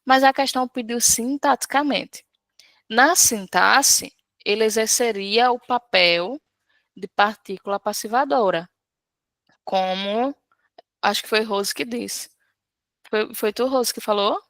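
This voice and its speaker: A woman's voice: a little high, slow pace, long pauses, fairly bright tone, no echo. A woman teaching Portuguese in a live class, patiently walking through an exam question and checking in with her students. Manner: patient, explains step by step, checks in often with "certo?".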